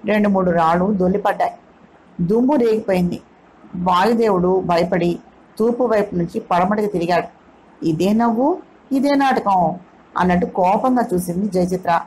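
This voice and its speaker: A woman narrating an audio novel in a steady storytelling read. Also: fairly low pitch, fairly quick, a little hiss or hum, poor audio. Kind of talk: scripted narration.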